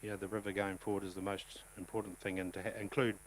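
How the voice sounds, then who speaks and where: A man who chairs a local council meeting as mayor. He has a New Zealand accent, talks in a relaxed way with many ums, and speaks up when he calls the votes. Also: low voice, quick pace, slight background noise, rough recording.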